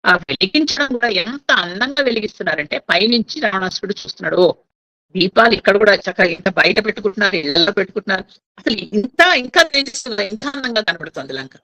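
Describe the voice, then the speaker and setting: A woman storyteller retelling an epic tale, speaking directly to her listeners and pausing to explain. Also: mid-range voice, lively intonation, pushed and bright, rough recording.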